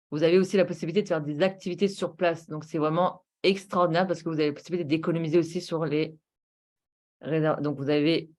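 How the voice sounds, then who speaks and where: A woman's voice: low-pitched, darkish tone. A woman giving a casual, persuasive sales presentation of a travel booking platform, enthusiastic and full of rhetorical questions and fillers. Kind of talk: casual sales presentation over screen share.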